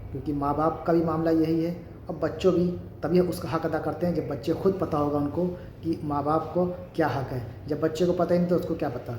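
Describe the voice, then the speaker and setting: A man's voice: fairly high pitch, mellow, reverberant, a little hiss or hum. A man hosting a reaction video, earnestly summing up the lesson and speaking to viewers as friends. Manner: earnest, repeats himself, addresses viewers as friends. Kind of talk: casual commentary.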